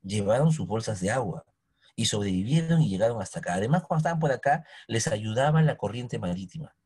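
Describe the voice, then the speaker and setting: Husky-voiced teacher giving a history lesson. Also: male voice, fairly low pitch, fast. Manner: questioning, coaxing, animated.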